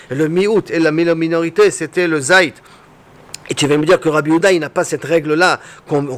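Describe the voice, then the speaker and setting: Man, Talmud teacher, fairly high pitch, step-by-step explaining, rhetorical questions, lesson style. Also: a bit bright.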